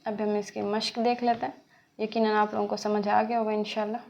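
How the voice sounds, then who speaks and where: A woman's voice: mid-range voice, little pitch movement, a little fast, gravelly, a little mellow, lo-fi sound. A woman teaching a recorded tajweed lesson, patient, repeating key points and answering her own questions. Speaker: Quran teacher.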